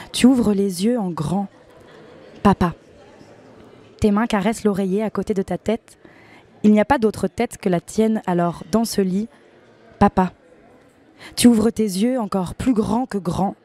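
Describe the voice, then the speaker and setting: A woman giving a slow, deliberate literary reading, live on a public festival radio set. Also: medium pitch, dark tone. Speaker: guest reader.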